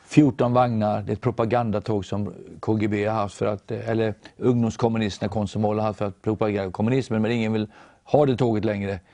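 Norwegian guy telling his faith story, low dark voice, acts out the quotes. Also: flat delivery, dry recording. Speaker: guest storyteller.

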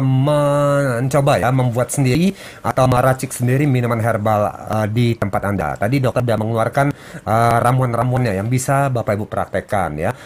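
A man hosting a health talk show on radio in a casual, chatty way, often seeking agreement. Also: medium pitch. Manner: chatty, frequently seeks agreement with 'ya'.

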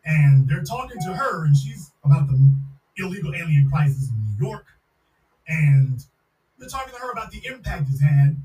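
A man's voice: on the high side, big pitch swings, moderate pace, mellow. A man hosting a live-stream podcast, ranting emphatically and repeating slogans with a mocking edge. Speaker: podcast host. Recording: roomy sound from a distant mic.

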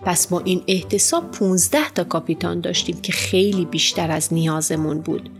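A woman narrating a children's storybook in the first person as a schoolboy, with lively, expressive storytelling. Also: fairly low pitch. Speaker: audiobook narrator. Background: faint music.

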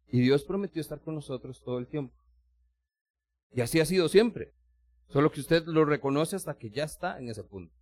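A man preaching a sermon in a friendly, conversational tone, talking straight to his listeners and acting out little everyday scenes as he goes. His voice sits a little high for a man. The sound is dry and close, with no room echo. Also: darkish tone. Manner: addresses listeners directly and formally.

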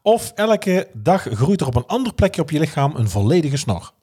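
A man co-hosts a casual podcast and keeps up a running stream of jokes and expressive reactions. His voice sits a little high and carries a husky, raspy edge. His pitch swings widely from line to line. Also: brisk. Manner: joking, playful, expressive. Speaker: podcast co-host. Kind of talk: casual chat.

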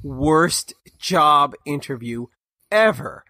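A man co-hosting a casual political podcast, recorded with a dry, close sound. He talks haltingly, repeating words and stacking agreements. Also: fairly high pitch, animated, sharp tone, dry recording. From Ohio. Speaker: podcast co-host. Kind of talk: casual political debate chat.

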